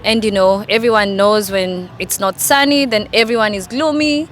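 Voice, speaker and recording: A woman from Kenya answering a street interview outdoors in a park, cheerful and quick to laugh, into a handheld mic. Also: mid-range voice, fairly bright tone. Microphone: handheld mic held by interviewer.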